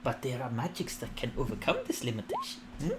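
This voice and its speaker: Man voicing a gracious earth goddess with swooping pitch. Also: wildly swooping pitch, fast talker, background noise. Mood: serene, gracious. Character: gracious earth and fertility goddess, generous, knowing. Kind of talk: tabletop role-play.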